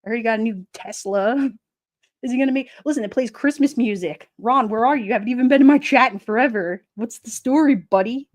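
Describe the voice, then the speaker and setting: A middle-aged woman with a New York accent, casually chatting on a livestream, sassy and quick to laugh. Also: on the high side. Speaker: livestream host reading chat. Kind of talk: casual chat.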